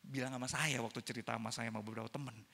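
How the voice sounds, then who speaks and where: A male evangelist giving a parenting seminar sermon, telling stories in a lively way and often calling the audience "saudara". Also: mid-range voice, very fast, creaky, long reverb tail. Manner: animated storytelling, addresses audience as "saudara". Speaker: evangelist speaker. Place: church seminar hall.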